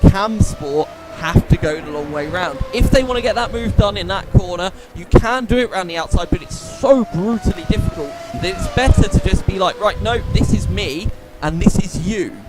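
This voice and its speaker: Heavy background noise surrounds this live sim-racing commentator, whose voice sits high and flows at normal speed with few pauses. Slightly nasal and posh in tone, he chats animatedly and walks through the racing lines.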